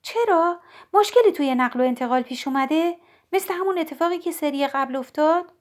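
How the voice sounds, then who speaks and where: A woman voicing an anxious young woman who pleads and questions in a high voice. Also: lively intonation. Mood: insistent.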